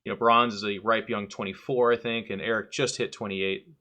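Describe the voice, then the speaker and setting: A man's voice: on the low side, level tone, fairly quick, bright, forceful tone. A man hosting a casual podcast chat, joking and rambling loosely as he introduces the talk. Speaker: podcast host.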